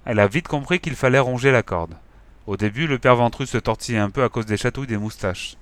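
A man reading a children's story aloud in a lively, expressive way. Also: mid-range voice, fast talker, dry recording. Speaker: audiobook narrator. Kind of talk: scripted children's story narration.

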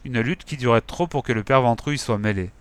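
Man, children's story narration, lively and expressive, mid pitch, dry close recording. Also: a little fast, clear, resonant tone, dry recording. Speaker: storybook reader. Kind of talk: children's story read aloud.

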